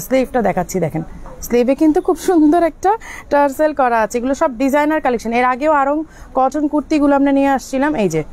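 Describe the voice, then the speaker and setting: Fast-talking high-voiced woman seller. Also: a little mellow. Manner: chatty, repetitive, stops to direct staff. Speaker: shop seller hosting a live clothing sale. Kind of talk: live product showcase. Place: indoors in a clothing shop outlet.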